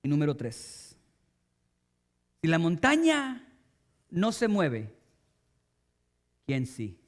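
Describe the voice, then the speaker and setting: A man's voice: fairly high pitch, huge pitch swings, very slow. A male pastor preaching a sermon with emphasis, speaking straight to his congregation. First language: Spanish.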